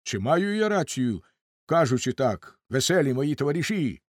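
A man's voice: mid-range voice, sing-song, moderate pace, dry recording, clean studio sound, pitched above the performer's own voice. A man reading an audiobook and voicing a generous outlaw leader, who speaks in a commanding, magnanimous and wry way.

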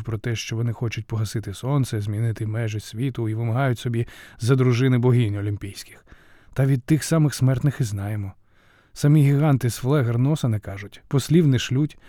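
A man's voice: mid-range voice, brisk, mellow, no room sound, natural voice. A man voicing a sly male trickster god grumbling sardonically to himself. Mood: sardonic. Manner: dry, grumbling inner muttering.

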